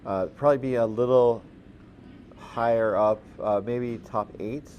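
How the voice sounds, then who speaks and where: A man calling a curling game as commentator, relaxed and halting, with lots of fillers and restarts and the odd dry aside. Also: mid-range voice, lo-fi sound, a little hiss or hum. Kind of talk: play-by-play commentary.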